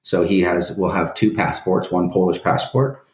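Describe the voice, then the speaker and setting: A man's voice: low-pitched, fairly even intonation, normal speed, reverberant. A man in his forties, a guest in a casual interview, telling his life story with many restarts and hesitations. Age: 40s.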